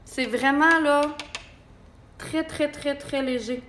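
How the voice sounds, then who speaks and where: A woman's voice: high voice, takes it slowly, fairly bright tone, slight background noise. A woman with a Québécois accent giving a chatty live makeup tutorial and talking viewers through each step. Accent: Québécois French. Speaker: makeup artist.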